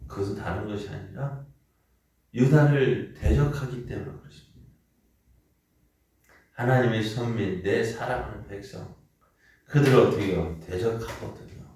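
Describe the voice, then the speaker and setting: A man's voice: on the low side, normal speed, long pauses, a little hiss or hum. A man pastor giving an early morning sermon in a conversational way, often asking the congregation questions. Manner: acts out quoted parents with shouted lines. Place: church sanctuary. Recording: very echoey room, mic at a distance.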